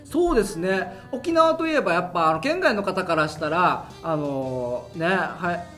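A man with an Okinawan accent hosts a radio show in a very high, lively voice that swoops up and down as he tells stories. He is chatty and laughs often, with plenty of fillers between thoughts. Faint music plays behind him on this live recording. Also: normal speed. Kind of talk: casual solo radio talk.

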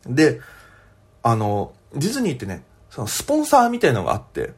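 A young man, a comedian, telling a story alone on his podcast in a chatty, animated way. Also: mid-range voice, fast, husky.

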